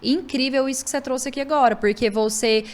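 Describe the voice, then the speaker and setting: A woman's voice: high-pitched, steady tone, quick pace. A woman with a Brazilian Portuguese accent hosting a casual parenting podcast, speaking firmly and emphatically like a teacher. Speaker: podcast host.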